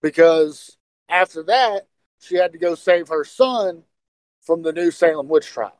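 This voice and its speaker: A man co-hosting a casual podcast, talking excitedly and speculating, often stumbling and repeating words. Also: fairly high pitch, unhurried, no echo, poor audio. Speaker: podcast co-host.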